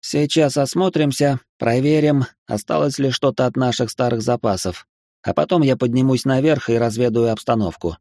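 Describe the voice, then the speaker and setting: A man voices a scholarly male angel in an audiobook, wry and measured as he talks through puzzles. The voice sits in an ordinary middle range. The recording is close and completely dry. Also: medium pitch, warm tone, no echo, lightly acted. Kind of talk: audiobook character reading.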